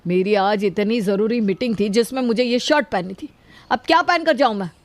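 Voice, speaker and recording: A woman voicing a short-tempered young husband in a cartoon, shouting with irritation. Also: on the high side, brisk, no echo, close to an everyday voice. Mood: angry. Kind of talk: cartoon voice acting.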